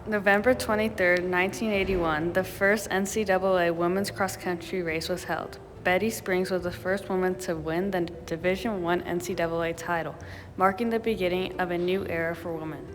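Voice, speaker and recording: A woman's voice: fairly low pitch, steady tone, faint music behind. Woman narrating a documentary script. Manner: clear, measured read-aloud delivery.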